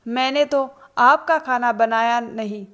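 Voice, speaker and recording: Woman voicing a calm, firm young daughter-in-law. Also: on the high side. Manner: cool and measured.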